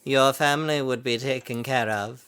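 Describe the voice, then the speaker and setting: A woman's voice: a bass voice, moderate pace, fairly bright tone, clean tone. A woman playing a stern, haughty old aunt in a period audio drama, speaking imperiously and with disapproval. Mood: imperious, persuading.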